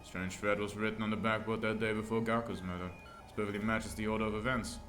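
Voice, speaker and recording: A man's voice: on the low side, flat delivery, fast, a bit bright, soft background music. A man streaming a game, reading its text aloud with crude, joking asides. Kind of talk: reading a visual novel aloud with commentary.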